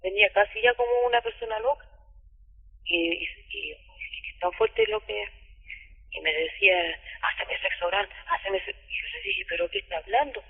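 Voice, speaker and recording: Middle-aged Chilean woman on a phone call, gravelly and husky, halting emotional testimony, tinny line with a long echo. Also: fairly high pitch, huge pitch swings. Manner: halting, repeats herself, tearful retelling. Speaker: caller recounting abuse. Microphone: telephone.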